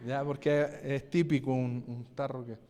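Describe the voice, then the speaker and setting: A man's voice: medium pitch, flat delivery, moderate pace, warm tone. A man, a pastor preaching a sermon and telling a personal testimony, often asking the congregation questions. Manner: storytelling, asks the congregation questions. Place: church hall. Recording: long hall reverb.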